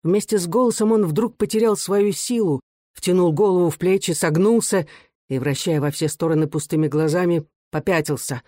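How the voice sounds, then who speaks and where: A man narrating a novel in a measured, expressive way, as an audiobook reader. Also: fairly high pitch, no echo, studio quality. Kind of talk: dramatic literary narration.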